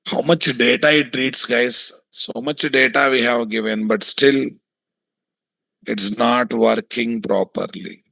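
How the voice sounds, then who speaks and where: A man with a Telugu Indian accent giving a hands-on software tutorial, thinking aloud, repeating himself and often putting questions to his students. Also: mid-range voice, steady tone, unhurried, vocal fry, hardly any pauses, no room sound, low-quality recording. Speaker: software testing instructor.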